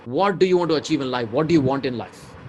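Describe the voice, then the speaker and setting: A man's voice: mid-range voice, quick pace, slight background noise. A man from India with an Indian accent, a business mentor leading a live webinar with rhetorical questions and mixing in Hindi. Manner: energetic, rhetorical, reads out chat replies, mixes in Hindi.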